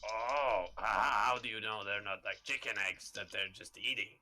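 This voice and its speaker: A man playing a tabletop game, excitable and stammering, repeating his words as he talks. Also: fairly low pitch, normal speed. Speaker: player.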